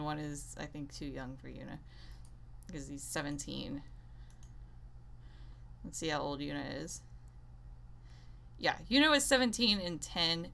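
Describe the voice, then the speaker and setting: A female gaming creator rants to her viewers, unscripted and opinionated, in a fairly low, fairly bright voice. She sounds exasperated and rambles casually off the cuff, often interrupting herself.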